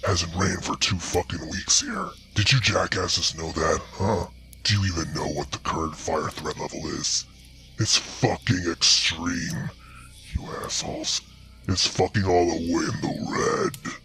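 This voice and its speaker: A man voicing a gruff, ragged old male bear, speaking in a rough, raspy, threatening growl. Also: measured pace, pushed and bright, soft background music, exaggerated voice. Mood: menacing. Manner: snarling, threatening, low growl.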